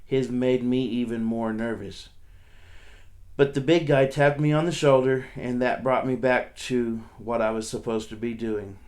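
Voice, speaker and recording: A man, a teacher, reading a novel aloud to his students in a steady, plain storytelling manner with small restarts. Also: mid-range voice, unhurried.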